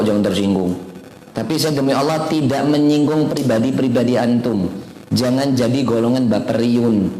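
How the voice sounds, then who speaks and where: A man's voice: medium pitch, a little mellow. Guy giving a casual sermon, keeps asking the crowd stuff, echoey room with a bit of hiss. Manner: chatty, keeps quizzing the audience. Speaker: ustadz teaching a weekly study circle. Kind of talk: informal sermon. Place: home study gathering. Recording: echoey room, long reverb, faint noise.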